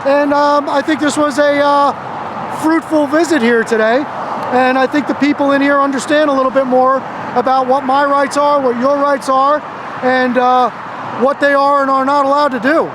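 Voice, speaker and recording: A man in his fifties with an American accent and a strikingly high voice speaks in an earnest, casual way, like a videographer giving his views. He is recorded outdoors, with traffic and road noise clearly behind him. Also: level tone, normal speed. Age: 50s. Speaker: First Amendment auditor and videographer. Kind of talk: casual on-the-street talk and commentary to camera. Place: outdoors beside a busy road.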